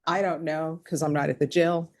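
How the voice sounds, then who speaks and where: A woman judge with a fairly low voice presides in a courtroom. She rattles through formal legal questions and admonishments in a practiced, businesslike way. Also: steady tone, a little mellow. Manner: formal, brisk legal recitation. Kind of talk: courtroom proceedings.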